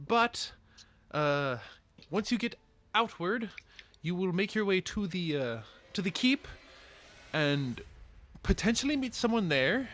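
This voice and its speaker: A man doing a high cheery dwarf woman. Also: very animated, slow pace, fairly bright tone, a little hiss or hum, heavily acted. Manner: sing-song, calls people honey. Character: cheery small dwarf woman apothecary, motherly.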